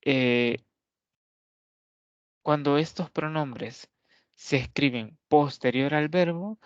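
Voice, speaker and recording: A man teaching a grammar lesson, explaining slowly and deliberately, pausing often and checking that his listeners follow. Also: on the high side, no room sound. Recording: dull, lo-fi dry recording.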